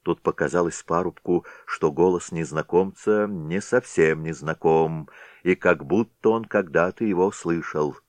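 A man's voice: low voice, unhurried, no echo. A man narrating a classic story in a theatrical, vivid audiobook style.

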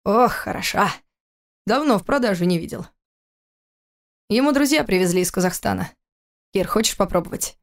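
A woman reading an audiobook voices an older father in a relaxed, relishing way. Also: medium pitch, moderate pace, vocal fry, pauses often. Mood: pleased. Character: older father, hearty and easygoing.

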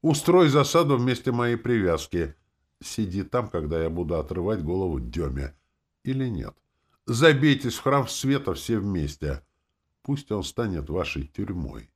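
A man voicing a crude, vicious female demoness who taunts and threatens in a mocking, shrill tone for an audiobook. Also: very animated, unhurried, husky, heavily acted. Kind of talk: audiobook character voice.

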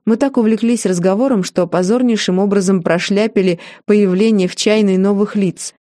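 A woman reading a first-person novel aloud in a measured, wry manner. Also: mid-range voice, fairly even intonation, warm tone, no echo, studio quality. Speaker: audiobook reader.

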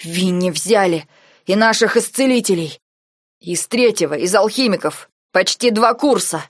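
A woman voicing a battered, furious young highland man who hisses and strains his words. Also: measured pace, no room sound, studio quality, lightly acted. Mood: desperate.

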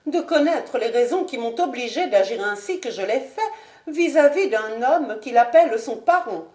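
A woman's voice: on the high side, animated, normal speed, voice pushed up, close to an everyday voice. Woman doing a haughty imperious noblewoman. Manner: sharp, commanding and disdainful. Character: haughty proud noblewoman, imperious lady of the house. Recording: roomy home recording.

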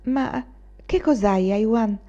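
A woman reading aloud, voicing a young bride who speaks in a calm, practical and gentle way. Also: a little high, slow pace, lo-fi sound.

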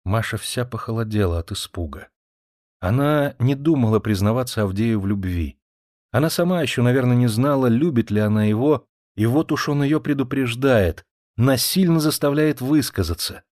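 A man reading a classic novel aloud in a measured, expressive storytelling voice. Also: medium pitch, dry recording, studio quality. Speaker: audiobook narrator. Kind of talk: scripted literary narration.

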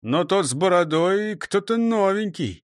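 Man playing gruff police chief, grumbling, curt, middle-aged, storybook. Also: high voice, lively intonation, measured pace, dry recording, studio quality, pitched above the performer's own voice. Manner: grumpy, curt.

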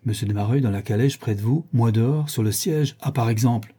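A man voicing an indignant proud gentleman. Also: medium pitch, brisk, breathy edge, lightly acted. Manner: insistent, indignant. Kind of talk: audiobook character reading.

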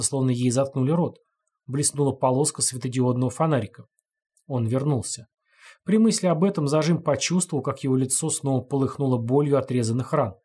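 A man narrating a grim horror audiobook in a steady, measured delivery. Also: mid-range voice, breathy edge.

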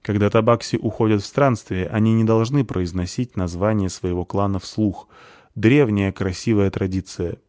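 A man's voice: on the low side, fairly even intonation, normal speed, a little mellow, dry recording, clean studio sound, close to an everyday voice. A man voicing a young cat-folk boy who grumbles and speaks cheekily in an audiobook. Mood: cheeky, grumpy. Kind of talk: audiobook character voice.

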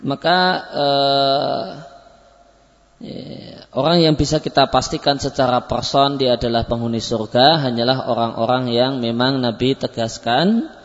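A male religious teacher lectures, pausing on fillers and correcting himself as he explains. His mid-range voice carries a long reverb from a large hall. The recording is muffled and lo-fi. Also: medium pitch. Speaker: Islamic teacher.

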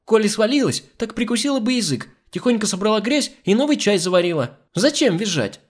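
A man's voice: sits high, huge pitch swings, moderate pace, pitched above the performer's own voice. A man reading an audiobook, voicing a domineering, scornful society mother who scolds her maid. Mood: scolding. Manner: scolding, haughty.

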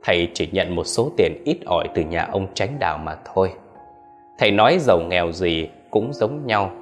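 A man narrating a horror story in an expressive storytelling manner, with soft music underneath. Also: low-pitched.

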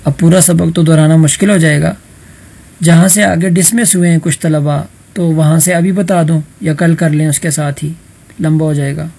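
A man's voice: on the high side, fairly even intonation, vocal fry, warm tone, husky. A man teaching an online Arabic grammar lesson, speaking patiently and calling on students by roll number over a computer mic. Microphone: computer mic in an online voice chat room.

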